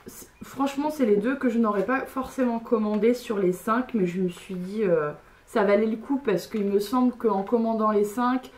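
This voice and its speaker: A woman's voice: medium pitch, darkish tone, slight background noise. A woman beauty vlogger chatting casually through a makeup haul, hesitant and full of fillers.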